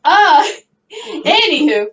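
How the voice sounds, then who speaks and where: High-voiced woman ranting with constant swearing. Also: slow pace, far from the mic, lo-fi sound. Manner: swears constantly, animated mimicking of others. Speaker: podcast co-host telling a story. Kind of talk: casual profane storytelling.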